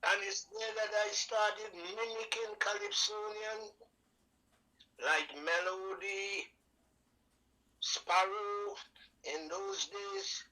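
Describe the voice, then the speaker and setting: Older Trinidadian man, bright lively storyteller. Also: high-pitched, drawn-out words, long pauses, poor audio. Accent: Trinidad and Tobago. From Trinidad and Tobago. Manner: folksy and animated, sings out sound effects. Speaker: calypso singer guest. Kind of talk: storytelling interview.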